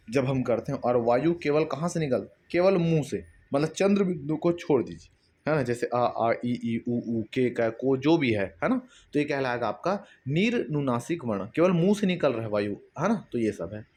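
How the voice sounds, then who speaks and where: A man from Chhattisgarh, mid-range and a little mellow with a breathy edge, teaches exam-prep grammar at normal speed with lively intonation. His explaining is repetitive, he supplies answers to his own questions, and he frequently addresses his students directly with fillers such as "है ना".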